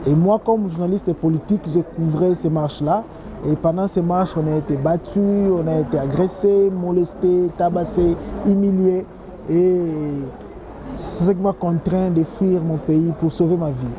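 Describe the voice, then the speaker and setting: A man's voice: high-pitched, fairly even intonation, normal speed. Earnest man outdoors over street noise. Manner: earnest, repeats words when searching. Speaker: political journalist, asylum seeker. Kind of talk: testimony interview.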